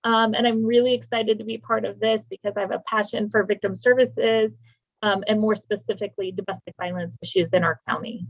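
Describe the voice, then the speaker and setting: A woman's voice: mid-range voice, steady tone, brisk, highs cut off. A woman victim services manager introducing herself at an online meeting, eager and friendly. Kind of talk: self-introduction at a virtual meeting.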